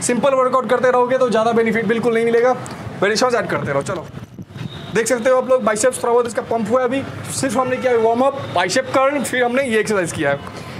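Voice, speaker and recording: Young male trainer, high voice, brisk coaching cues, rooftop shoot with traffic noise behind. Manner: energetic coaching, repeated "slowly slowly" and counting cues. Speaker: fitness trainer. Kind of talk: home workout demonstration. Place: rooftop terrace outdoors. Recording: noisy outdoor rooftop recording. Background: outdoor street ambience, vehicles.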